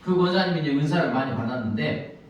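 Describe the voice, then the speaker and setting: A man's voice on the high side moves at a quick pace as he preaches a Sunday sermon in a church sanctuary. He acts out pleading prayers and poses questions to the congregation, recorded with echo and a distant mic.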